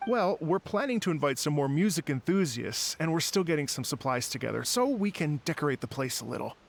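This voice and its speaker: A man's voice: fairly high pitch, animated, brisk, vocal fry. An actor playing a courteous young male event organizer who hesitates with small fillers and sounds a little fussy. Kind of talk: video game voice acting.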